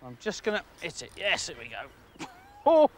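Excitable man fishing on a lake. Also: high voice, normal speed, a little hiss or hum. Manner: excitable, laughs often, talks to the fish. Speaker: angling presenter. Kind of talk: outdoor fishing commentary. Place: outdoors on a lakeside jetty.

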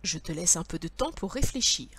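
A woman's voice: fairly low pitch, lively intonation, a little fast, fairly bright tone, breathy edge. A woman teacher leading young children through word riddles, patient and sing-song, speaking straight to the child.

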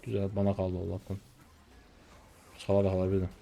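A man's voice: sits low, monotone, a little fast, creaky, warm tone. A man in his twenties streaming a game live, ranting at his teammates in an irritated, cursing way. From Turkey. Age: 20s. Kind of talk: live gameplay commentary.

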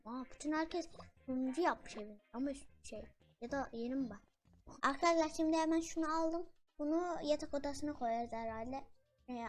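A woman hosting a gaming channel, chatting casually to viewers and her in-game pet as she plays. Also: high voice. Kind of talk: casual gameplay commentary.

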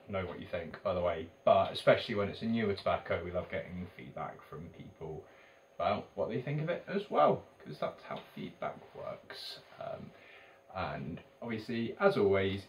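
A man's voice: on the low side, highs cut off. A man in his thirties with an English accent, giving a chatty, casual product review to camera, hesitant and trailing off at phrase ends. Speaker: tobacco shop video reviewer. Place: indoors, in a shop corner by a banner. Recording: distant mic with faint background noise.

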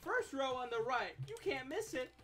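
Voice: sits high, very animated, moderate pace, fairly bright tone, voice pushed up. A streamer voicing Oscar, a cheery and pushy male office coworker, in a bubbly, teasing voice. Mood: chipper.

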